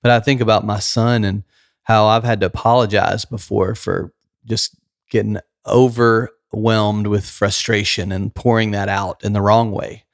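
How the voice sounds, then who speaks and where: A man's voice: fairly low pitch, little pitch movement, measured pace, gravelly, no room sound. Sincere man on a dry podcast mic. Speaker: podcast host. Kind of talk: casual podcast conversation.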